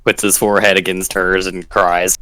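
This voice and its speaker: A man playing a tabletop game, answering in short, deadpan, stubborn lines. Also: low voice, moderate pace, smooth, dry recording. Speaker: player.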